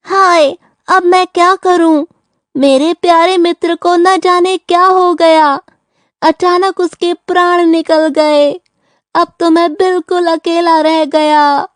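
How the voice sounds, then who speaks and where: A woman voicing a crafty male tortoise in a school audio drama, speaking clearly in a high voice. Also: lively intonation, slow pace, dry recording, clean studio sound. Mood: fake grieving.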